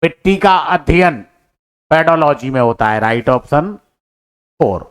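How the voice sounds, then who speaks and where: A man's voice: a little high, expressive, measured pace, clear, resonant tone. A man explaining exam answers step by step. He asks questions and answers them himself, and he calls his students brother. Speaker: teacher solving an exam paper. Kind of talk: exam answer-key lesson.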